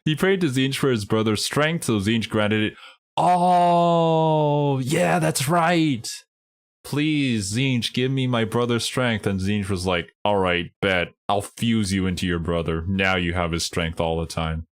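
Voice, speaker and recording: Hosting a casual livestream, a man reacts to game trailers with a friend, bantering and commenting with teasing, playful exasperation. He talks slowly in a lowish voice, with music playing behind him.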